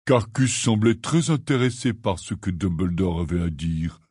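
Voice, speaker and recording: A gruff, kindly half-giant gamekeeper, read by a man spins a rambling, earnest tale in an audiobook. The voice sits low and husky, with a dark, mellow color. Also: expressive, normal speed, no room sound, studio quality. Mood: rueful. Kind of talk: audiobook character reading.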